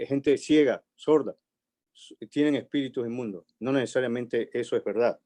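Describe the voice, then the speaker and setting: A man preaching a sermon in a church, slow and emphatic, building on repeated phrases. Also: mid-range voice, dark tone. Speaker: pastor.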